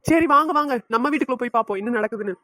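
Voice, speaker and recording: A woman's voice: on the high side, rapid-fire, a bit bright, dry recording, close to an everyday voice. A woman voicing a chatty, playful young woman who talks straight to the viewer in a cartoon. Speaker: narrator.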